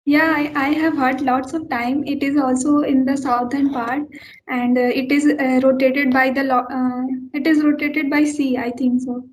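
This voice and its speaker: Young Indian student, Maithili first language, high-pitched, slow careful English conversation. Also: female voice, flat delivery, slight background noise, rough recording. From Uttar Pradesh, India. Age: young adult. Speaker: postgraduate student and channel host. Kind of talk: casual chat, English speaking practice.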